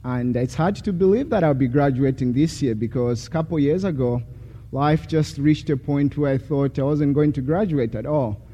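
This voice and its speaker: A young man from Zambia, a graduating student, giving a chapel testimony with a warm, self-deprecating manner and frequent fillers. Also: on the high side, normal speed, breathy edge. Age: young adult. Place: college chapel. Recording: hall with long reverb.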